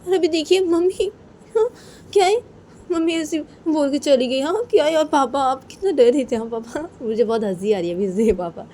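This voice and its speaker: A woman voicing a whiny teenage daughter who complains in a high voice. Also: expressive, normal speed, dark tone, slight background noise. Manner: high, whining, repeats "kya hai".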